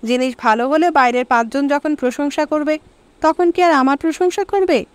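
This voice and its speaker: A woman's voice: sits high, moderate pace, no echo, natural voice. A woman voicing a playful young wife who teases her husband in a storybook reading. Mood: teasing. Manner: teasing, coaxing.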